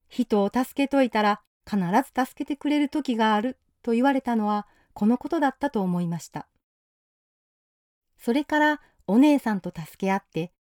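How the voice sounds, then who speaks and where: A woman narrating a story in a gentle, polite storytelling manner. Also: mid-range voice, no echo, clean studio sound.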